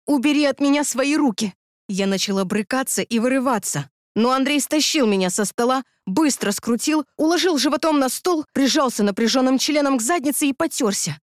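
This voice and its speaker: A woman narrating a first-person audiobook in an expressive, breathy reading voice. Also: high-pitched, a little fast, hardly any pauses, no echo, studio quality.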